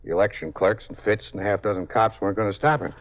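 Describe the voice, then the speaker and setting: An American-accented man plays a tired, wry detective lieutenant in a 1950s radio drama, easygoing, anecdotal and deferential, with an amused air. His lowish voice moves at a quick pace, close to everyday speech, on a muffled period recording.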